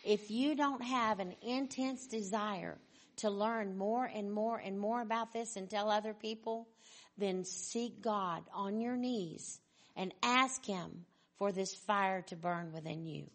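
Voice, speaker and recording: A woman leading a Bible study, reading quotes aloud and urging listeners in an earnest, deliberate way. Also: medium pitch.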